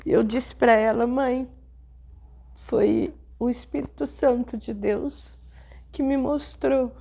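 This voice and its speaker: Slow-speaking high-voiced woman pastor. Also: steady tone, gravelly, warm tone. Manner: emotional, slow storytelling. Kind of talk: sermon testimony.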